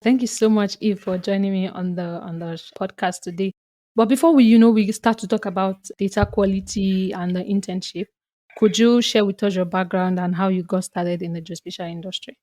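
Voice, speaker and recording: A woman's voice: medium pitch, steady tone, a little fast, mellow. A woman hosting a podcast interview, reading a sponsor note and then welcoming her guest in a friendly way. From Africa. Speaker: podcast host.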